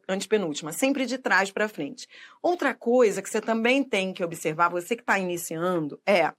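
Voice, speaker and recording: A woman with a fairly high voice leads a grammar video lesson. She talks directly to the viewer, poses questions and answers them herself, and stretches each example word out slowly so it can be heard clearly. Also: fairly bright tone. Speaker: Portuguese grammar teacher.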